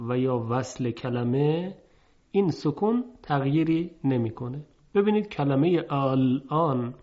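Muffled man teaching recitation, slow and measured. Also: fairly high pitch, a little mellow. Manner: measured and explanatory, slowly drawing out example words. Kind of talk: recorded lesson lecture. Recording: muffled lo-fi recording.

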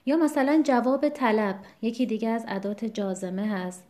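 Female teacher, mellow tone, deliberate recited examples in an explanatory lesson. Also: a little high, fairly even intonation.

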